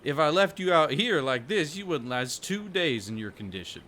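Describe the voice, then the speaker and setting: In an audio roleplay, a man plays a kindly, hospitable rustic fisherman and folksy storyteller, using plain phrases with dropped g's. His bright, forward voice is a little high, with lively intonation at a normal speed, and the mood is hearty and helpful. Some ambient noise sits behind him.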